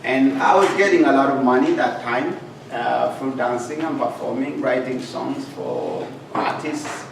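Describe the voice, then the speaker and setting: Earnest Ugandan-born speaker, gravelly tone, recorded from a distance in a reverberant hall. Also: male voice, mid-range voice, sing-song. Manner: earnest, plain-spoken storytelling with pauses. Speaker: guest speaker. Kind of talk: personal life story talk. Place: club meeting room. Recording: echoey hall, far from mic, noisy.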